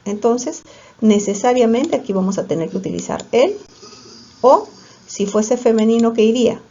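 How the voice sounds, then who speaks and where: A woman's voice: fairly high pitch, animated, moderate pace, mellow, breathy edge. A woman teaching a grammar lesson, asking questions and answering them herself. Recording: slightly dull lo-fi audio.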